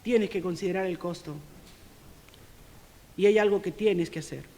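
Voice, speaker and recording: A middle-aged woman preacher with a Peruvian Spanish accent delivers a sermon in a church sanctuary. She is emphatic, pressing points loudly and then dropping to soft, confessional asides. Her voice carries a long church reverb. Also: fairly low pitch, moderate pace. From Peru.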